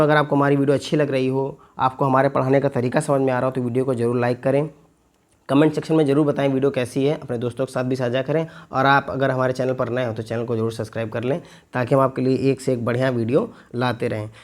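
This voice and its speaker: A male teacher goes through an exam paper, slowly stretching out and repeating words to spell them. He treats his viewers as friends and asks them questions, speaking in a medium-pitched, somewhat mellow voice.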